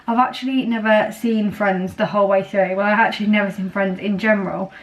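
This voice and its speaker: A woman's voice: medium pitch, fairly even intonation, a little fast, low-quality recording. Chatty young woman vlogging at home. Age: 20s. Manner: chatty, rambling, many fillers. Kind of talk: casual vlog chat. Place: at home, indoors. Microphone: camera on a small tripod.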